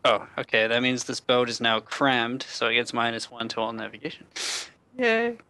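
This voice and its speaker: A man runs a tabletop role-playing game and narrates loosely, with plenty of fillers. His voice is bright and forward. It sounds close and dry, with no room echo. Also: medium pitch, normal speed, clear, resonant tone. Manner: easygoing, hesitant narration with fillers. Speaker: game master.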